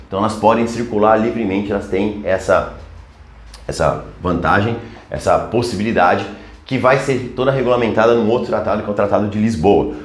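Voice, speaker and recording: Casual Brazilian geography teacher, roomy sound. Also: male voice, medium pitch. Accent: Brazilian Portuguese. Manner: casual, addresses students as "cara". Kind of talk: chalkboard lecture. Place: classroom.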